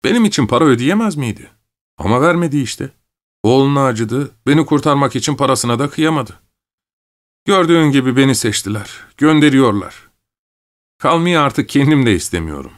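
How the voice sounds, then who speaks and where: A man voicing a young male peasant conscript, desperate and volatile, who pleads bitterly and then yells wildly. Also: medium pitch, lively intonation, a little fast, pitched above the performer's own voice, natural voice. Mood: bitter, grieving.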